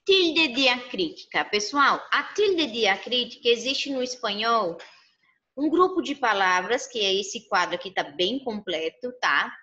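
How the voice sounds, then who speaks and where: A woman's voice: fairly high pitch, animated, a little slow, sharp tone. A woman teaching a recorded online lesson, explaining step by step and checking in with her students often. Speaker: Spanish teacher. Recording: muffled lo-fi audio.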